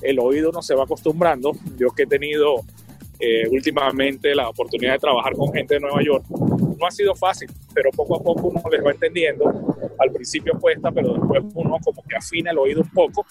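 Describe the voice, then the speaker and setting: Man, casual chat, walking outdoors in a park, easygoing, a bit high-pitched, faint music. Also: brisk, low-quality recording.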